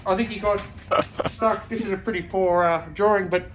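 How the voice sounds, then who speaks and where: A man playing a crude, brazenly corrupt football coach in a mock interview, talking haltingly and deadpan. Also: high voice, noisy background, natural voice.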